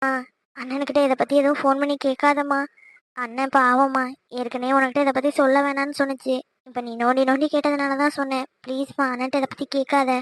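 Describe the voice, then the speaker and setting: A woman playing a cheeky young daughter in a cartoon, talking fast and pleading. Her voice is high and close, with no room sound. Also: little pitch movement, no echo, natural voice. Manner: quick, pleading, exasperated. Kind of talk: cartoon voice acting.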